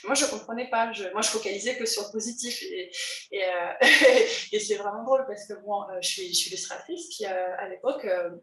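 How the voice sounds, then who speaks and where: A woman in her thirties recounts her own path, pausing often with fillers and restarting her phrases, with small laughs along the way. Her voice sits in an echoey room and reaches the mic from some distance. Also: medium pitch, a bit bright. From France. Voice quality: hesitant, many fillers and restarts, light laughs. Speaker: illustrator and teacher. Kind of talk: recorded personal testimony. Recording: roomy, voice from the mic.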